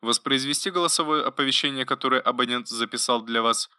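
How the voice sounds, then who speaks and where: Gentle caring female robot helper, voiced by a man, bright tone, dry close sound, polite and soft. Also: mid-range voice, quick pace, smooth, dry recording. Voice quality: pleasant, solicitous voice. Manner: softly attentive, politely informative. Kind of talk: audiobook narration.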